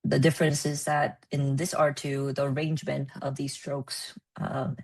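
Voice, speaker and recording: A woman presenting at a research meeting, explaining with many ums and pauses. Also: extremely low pitch, little pitch movement, a little mellow, husky. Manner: hesitant, many ums and uhs.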